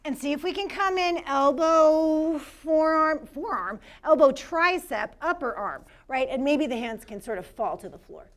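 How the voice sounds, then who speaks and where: A woman's voice: high voice, expressive, a little slow, hardly any pauses. A woman teaching a live yoga class, upbeat and encouraging, calling out students by name as she cues the poses.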